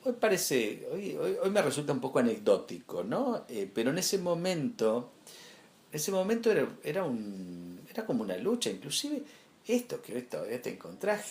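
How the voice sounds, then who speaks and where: Argentine man telling lively, halting anecdotes. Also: medium pitch, a little hiss or hum. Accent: Argentine Spanish. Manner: anecdotal, hesitant with frequent restarts and fillers. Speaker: interview guest, art curator. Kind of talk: casual conversation.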